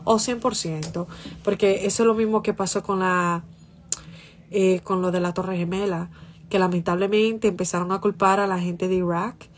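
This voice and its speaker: A woman's voice: medium pitch, steady tone, normal speed, a little hiss or hum. A woman hosting a casual livestream, speaking passionately and emphatically while addressing her viewers directly and answering their comments. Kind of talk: casual live chat.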